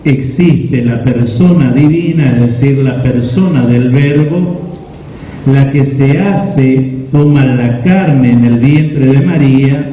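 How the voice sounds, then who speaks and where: A man preaching a homily in a deliberate, didactic way, pausing between phrases as he explains. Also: medium pitch, dark tone. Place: large reverberant church. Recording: echoey church hall, slightly muffled, faint noise.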